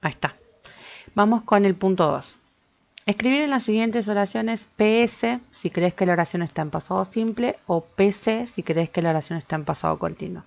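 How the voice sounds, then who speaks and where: A woman's voice: mid-range voice, moderate pace, creaky. A woman English teacher, patiently explaining grammar and checking in with her students again and again. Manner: patient, repeats points and checks with "¿sí?". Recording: slightly dull lo-fi recording.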